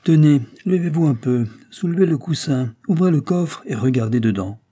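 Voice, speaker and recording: A man's voice: fairly high pitch, animated, moderate pace, warm tone, voice pushed up. A man voicing a cunning male cutthroat who poses as a humble fruit seller, in a folksy, sly manner. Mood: urgent.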